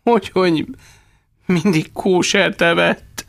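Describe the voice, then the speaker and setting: A man's voice: on the high side, no room sound, voice pushed up, natural voice. A man reading an audiobook, playing a distraught, indignant middle-aged father who whines and bellows. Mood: whining. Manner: whining, then bellowing. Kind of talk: audiobook character voice.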